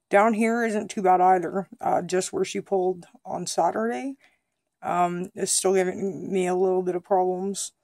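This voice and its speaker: A woman's voice: on the low side, a little mellow, no room sound, clean studio sound. A woman vlogger speaking with new dentures, talking casually with many fillers and slightly slurred speech. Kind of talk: casual recovery vlog update.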